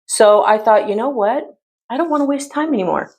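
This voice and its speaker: A woman in her mid-fifties chatting casually through a makeup tutorial, rambling with many pauses and fillers. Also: fairly high pitch, a little mellow. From United States. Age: 50s. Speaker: beauty vlogger.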